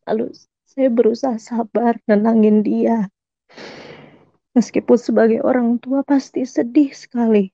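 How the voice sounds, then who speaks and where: A woman's voice: fairly high pitch, steady tone, measured pace, vocal fry, pauses often, warm tone, no echo, highs cut off. A middle-aged mother giving a personal testimony, emotional and at times tearful as she retells her prayers.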